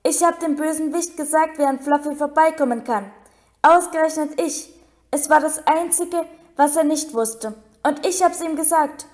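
Crying giant groundskeeper, gruff, colloquial, woman reader, storybook. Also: high voice, moderate pace, close to an everyday voice. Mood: tearful. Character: sobbing remorseful giant male groundskeeper.

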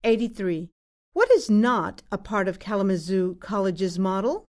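Female exam narrator, scripted question reading, animated pitch, mid-range register. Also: measured pace. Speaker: test narrator.

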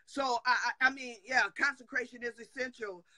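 This fiery, preaching-style live stream is hosted by a middle-aged woman whose fairly high voice sounds bright and forceful, with fairly even intonation and a moderate pace. She leans on emphatic declarations and call-and-response asides while hosting her prophetic talk stream from home. A webcam on the live video call records her indoors, without any echo.

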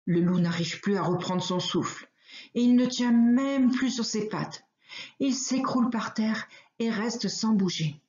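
A woman reading a children's story aloud, expressive and unhurried. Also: on the high side. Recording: roomy, slightly dull recording.

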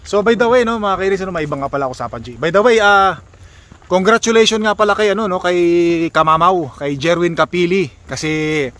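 A man's voice: high voice, fairly quick, fairly bright tone. A man talking casually to his viewers while walking outdoors by a lake, exclaiming often at the sights. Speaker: vlogger.

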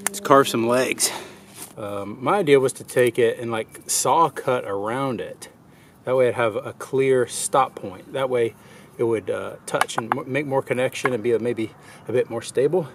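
Man, 30s, casual outdoor work narration, unhurried, faint woodland air behind. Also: mid-range voice, a little hiss or hum. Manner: relaxed, talks to himself while crafting. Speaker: bushcraft vlogger. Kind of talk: casual narration while working. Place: woods outdoors at a campsite.

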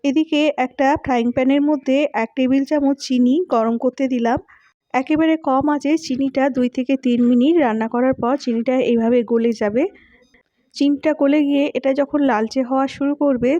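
A woman, host of a cooking channel, calmly narrating a recipe step by step and speaking to her viewers as friends. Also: high-pitched, a little fast, no room sound, muffled recording. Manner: calm, instructive, addresses viewers as friends.

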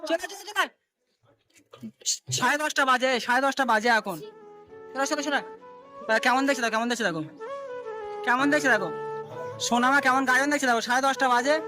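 A man vlogging while scolding a child, hoarse from shouting and repeating himself. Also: extremely high pitch, quick pace, long pauses, music in the background. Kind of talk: scolding a child, casual vlog.

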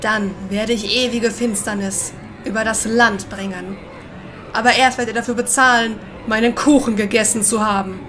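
Woman doing a loud, menacing serpent demon. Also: a little high, steady tone, moderate pace, slight background noise, lightly acted. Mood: menacing, grandiose. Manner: loud, grandiose, threatening delivery. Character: menacing arrogant serpent demon, would-be underworld god. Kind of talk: dramatic video game villain read-aloud.

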